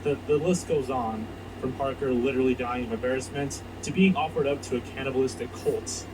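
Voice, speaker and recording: A man with a medium-pitched voice reads scripted narration for a countdown video at a slightly fast pace. It is heard as distant, noisy playback of the video.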